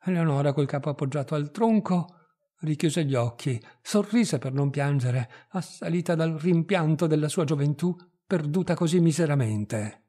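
A man reading a literary short story aloud in a measured, expressive narrating manner. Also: fairly high pitch, breathy edge. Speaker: reader.

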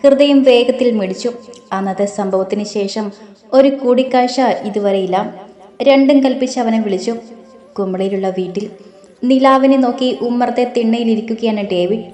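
A woman narrating a romance audiobook in a steady, gently dramatic reading. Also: fairly high pitch, normal speed. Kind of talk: scripted story narration. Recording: roomy echo.

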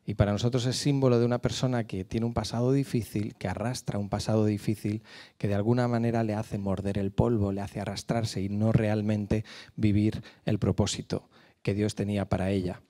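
Man, Madrid accent, 40s, mellow low voice, church hall talk, handheld mic. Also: flat delivery, a little fast. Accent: Madrid Spanish. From Spain. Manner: hesitant, many fillers and restarts. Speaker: guest speaker at a church. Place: church hall with a small stage. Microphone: handheld microphone.

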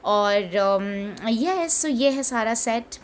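A woman's voice: fairly high pitch, expressive, extremely slow, a little hiss or hum. Chatty young woman vlogging. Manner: chatty, mixes in English phrases. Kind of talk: casual vlog chat.

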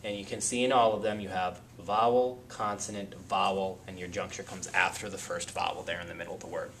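A man teaching a phonics lesson. He explains step by step, patiently, and repeats the example words slowly. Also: sits low, little pitch movement, fairly bright tone, slight background noise.

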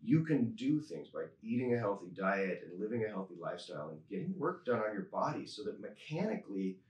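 A man in his fifties, a chiropractor being interviewed, speaking calmly and earnestly in an office. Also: fairly low pitch, fairly quick, muffled recording. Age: 50s. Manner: calm, earnest, repeats phrases for emphasis. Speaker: chiropractor guest. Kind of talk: reflective interview talk. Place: office with a desk and a skeleton model. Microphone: desk microphone on a stand. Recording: roomy office sound, mic a bit distant.

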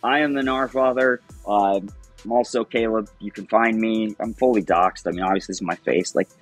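Talking briskly in a lowish voice, a project founder in his thirties appears as an interview guest over webcam from his home, near a window. He's upbeat and rambling, laughing a lot, with faint music in the background.

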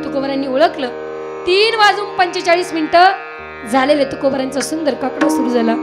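A woman's voice: high voice, fairly quick, over music. A woman kirtan preacher with a Marathi accent. She tells a devotional story, asks her listeners questions and breaks into sung verses. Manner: asks the audience questions, shifts between speech and sung verses.

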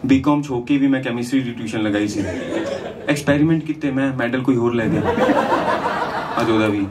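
Onstage at a small indoor comedy venue, a male comic recites rhyming verses of lyrical stand-up storytelling, dropping conversational asides between them. He has a mid-range voice and moderate pace, using a handheld microphone, and the sound is distant and noisy.

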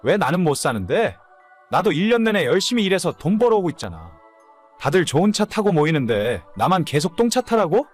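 In a dramatized audio story, a man plays an immature, hungover husband in his late thirties who whines and insists. His high-leaning voice swings widely in pitch at a slightly fast pace, with soft background music underneath.

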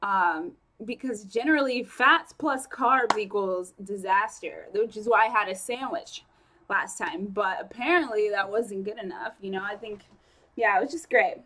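A young woman vlogging casually about her training, talking fast and chatty with lots of fillers and self-corrections. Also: medium pitch, sharp tone, a little hiss or hum. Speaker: fitness vlogger. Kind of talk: casual vlog chat.

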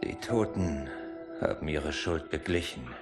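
An actor playing a grieving soldier, narrating gravely and reflectively for a war video game. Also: male voice, a bass voice, expressive, music in the background, heavily acted. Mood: somber, brooding. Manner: grave, measured. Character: somber male soldier narrating his grief.

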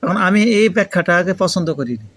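Speaking a foreign learner's Bengali laced with Urdu phrases, a Pakistani-accented Arabic grammar teacher, a native Urdu speaker, leads an interactive class, explaining step by step, repeating key points and questioning students throughout. His fairly high voice is expressive, brisk and a bit bright, with no echo.

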